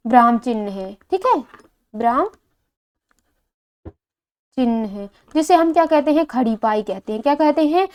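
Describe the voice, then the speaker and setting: A young woman teaching an exam coaching lesson, asking a question and answering it herself and repeating key points with frequent fillers. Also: sits high.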